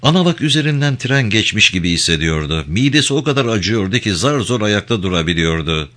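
A male audiobook narrator giving a dramatic, expressive reading. His voice sits low but sounds bright, and his pitch moves a lot as the tension builds. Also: fairly quick. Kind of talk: scripted narration.

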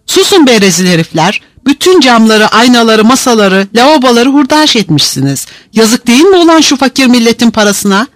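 A bullying army sergeant bellows at prisoners, voiced by a man reading a novel aloud. His voice sits high and loud, barking each order. The recording is dry and close. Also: very animated, moderate pace, hardly any pauses, dry recording. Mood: roaring. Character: gruff, bullying male army sergeant, middle-aged.

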